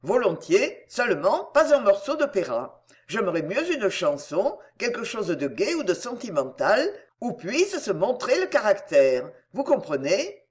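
A woman's voice: medium pitch, big pitch swings, unhurried, few pauses. A woman voicing an enthusiastic, opinionated male theatre manager in a read-aloud story. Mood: appraising.

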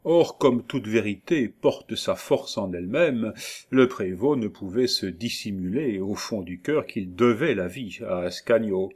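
A man giving a steady, measured scripted narration of a novel as an audiobook reader. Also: on the low side, breathy edge.

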